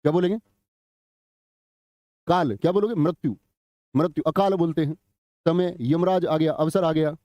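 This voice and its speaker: A man's voice: a little high, moderate pace, long pauses, warm tone, no echo. A man teaching a live online exam-prep class, chatty, quizzing students and reading their chat comments aloud. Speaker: Hindi teacher.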